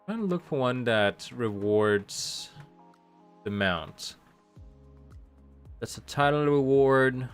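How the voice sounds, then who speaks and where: Thinking out loud while streaming a game at home, rain outside and faint music behind, a man rambles and keeps restarting his sentences. Despite a slight cold that makes him nasal, his medium-pitched voice is clear and resonant, lively in intonation, slow and full of pauses.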